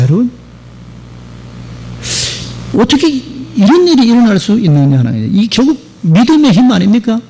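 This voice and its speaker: A man's voice: very high voice, darkish tone, slight background noise, rough recording. A male pastor giving a Sunday sermon in a church, telling stories and speaking straight to the congregation. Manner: storytelling with acted dialogue, addressing the congregation. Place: church sanctuary.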